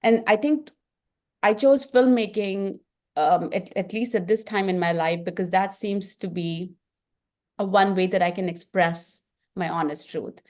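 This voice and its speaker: A middle-aged woman with an Indian accent speaks as a film director in an interview, with an even, mid-range pitch. She talks earnestly and thinks aloud, breaking off and restarting her sentences as she works through an idea. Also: unhurried. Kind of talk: reflective interview talk.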